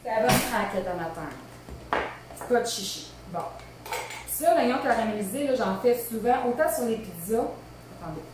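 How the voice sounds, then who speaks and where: A woman's voice: fairly high pitch, lively intonation, normal speed. Woman, Québécois accent, chatty cooking host, very echoey kitchen, faint background hum. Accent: Québécois French. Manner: chatty and informal, lots of fillers and asides. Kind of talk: casual live cooking demo. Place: home kitchen.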